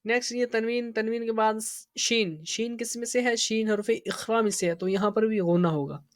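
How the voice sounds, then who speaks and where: A woman teaching a tajweed lesson to children. She draws out each syllable slowly when spelling it out, then speeds up to explain the rules, asking and answering her own questions. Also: a little high, fairly even intonation, no echo, clean studio sound. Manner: slow drawn-out spelling, then brisk explaining. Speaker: Quran reading teacher.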